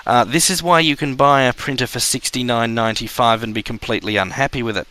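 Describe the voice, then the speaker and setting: A man's voice: medium pitch, fairly even intonation, quick pace, pushed and bright. A man teaching a computer course, explaining hardware casually with many ums and restarts. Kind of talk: spoken class lecture.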